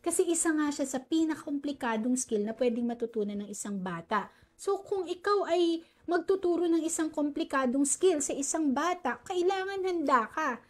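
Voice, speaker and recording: A woman's voice: high voice, animated, normal speed. A woman reading teacher, politely explaining phonics and sounding out single phonemes, often ending points with a questioning "no?". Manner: demonstrates phoneme sounds, frequent "no?" tag questions.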